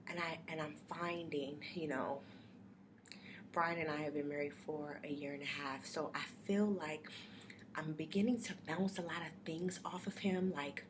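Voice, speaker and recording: A young woman in a casual, confessional vlog. She talks softly and reflectively and thinks aloud, with many fillers and restarts. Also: low-pitched. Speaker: vlogger sharing personal reflections. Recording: steady background noise.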